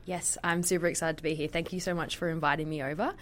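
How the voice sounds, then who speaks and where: Low-voiced Australian woman, chatty. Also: steady tone, quick pace. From Tasmania, Australia. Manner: chatty, frequent ums. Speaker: guest dietitian. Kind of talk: casual interview.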